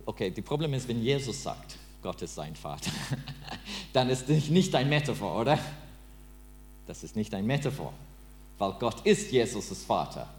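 A man whose first language is English, preaching in halting, broken German and quizzing his listeners. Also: on the low side, sing-song, a little mellow. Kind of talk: interactive sermon. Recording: roomy with mains hum.

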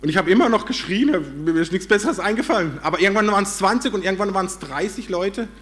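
A man's voice: high-pitched, animated, fast talker, a bit bright. A man from Germany preaching a sermon, telling a story with animation and acting out the voices he quotes.

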